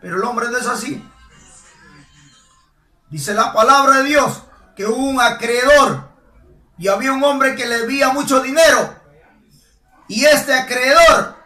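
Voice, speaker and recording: A man preaching a sermon emphatically, asking rhetorical questions and rising to shouts. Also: very high-pitched. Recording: echoey room, voice from a distance.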